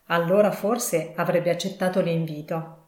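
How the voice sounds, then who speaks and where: A woman with a fairly low voice narrates a classic story in a steady, literary manner. Her reading sits in a roomy, echoing space. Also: moderate pace. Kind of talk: scripted audiobook narration. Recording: roomy echo.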